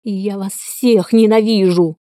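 A woman's voice: steady tone, slow, mellow, no echo, studio quality, natural voice. A woman voicing an unhinged middle-aged woman in an audiobook, screeching and clinging. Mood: hysterical. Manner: shrill, screeching.

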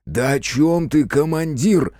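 Man doing a brash loud young guy, booming bass, boisterous, lively swings, low voice. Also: moderate pace, dry recording, clean studio sound.

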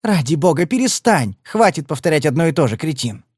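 A man's voice: a little high, big pitch swings, a little fast, no room sound, studio quality, pitched above the performer's own voice. A male reader voicing a furious young gangster's woman who shrieks and mocks. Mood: shrill, scornful. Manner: shrieking, scornful.

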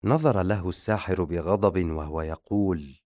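A man narrating an audiobook in a steady, measured reading. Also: low voice, no echo, studio quality. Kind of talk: scripted narration.

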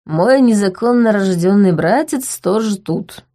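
A woman's voice: mid-range voice, expressive, unhurried, warm tone, natural voice. Drunk young crown prince, woman doing the voice, slurred mocking drawl, storybook.

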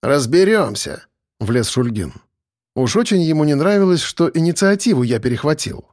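A man narrating a first-person audiobook in a wry, lively storytelling manner. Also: a little high, moderate pace, no echo, studio quality.

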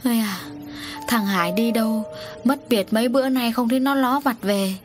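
A woman's voice: a little high, moderate pace, faint music behind, pitched above the performer's own voice, close to an everyday voice. A woman voicing a frail old grandmother who leans on a cane and laments over her family, in an audio story. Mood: worried. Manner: worried, lamenting.

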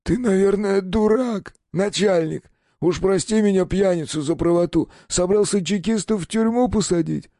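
A man voicing a frightened drunk peasant witness in an audiobook, with rough, folksy common speech. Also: high voice, moderate pace, dark tone, no echo, clean studio sound, pitched above the performer's own voice. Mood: confiding. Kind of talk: audiobook character voice.

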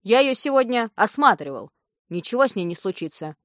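A woman's voice: fairly high pitch, sing-song, a little fast, no room sound, studio quality. A woman voicing a bossy, scheming male doctor who gives curt orders in an audiobook. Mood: commanding. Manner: curt and commanding. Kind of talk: audiobook reading.

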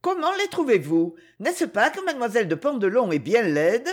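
A frank, eager young girl, put on by a woman reading a novel aloud, speaks in a light voice pitched above the reader's own. The pitch swings freely from phrase to phrase. A breathy softness colours the tone. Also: very animated, normal speed. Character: candid young girl, the heroine's little sister.

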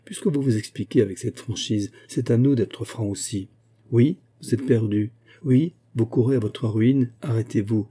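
A man's voice: medium pitch, moderate pace, mellow, slightly rough, lightly acted. A man doing an eager, pressing secretary. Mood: urgent. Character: eager male secretary urging flight.

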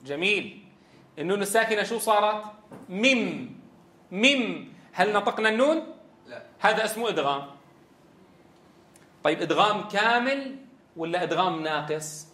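A man's voice: high-pitched, lively intonation, fairly quick, long pauses, sharp tone, reverberant. A man teaching Quran recitation, asking students questions and demonstrating sounds. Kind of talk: tajweed lesson.

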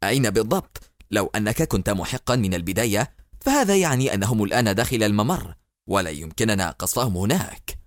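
A man voicing a nervous male helicopter pilot who speaks low, muttering and hesitant. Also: big pitch swings, fast talker, no room sound, clean studio sound.

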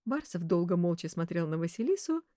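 A woman narrating an audiobook with expressive storytelling. Her pitch moves in wide, lively arcs, and the sound is dry and close with no room around it. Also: a little fast, dry recording.

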